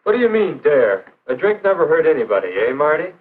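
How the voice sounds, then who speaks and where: A man's voice: fairly high pitch, very animated, fast. A man acting a pushy, cocky young teammate with a brash, goading manner in a 1950s educational film. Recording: noisy, phone-like 1950s film soundtrack.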